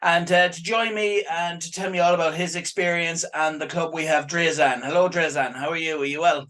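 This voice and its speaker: Male radio host, higher-pitched, stumbles through long questions. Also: steady tone, fairly quick, fairly bright tone. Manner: rambling, stumbling repeats. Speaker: sports radio host and physio. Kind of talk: radio interview.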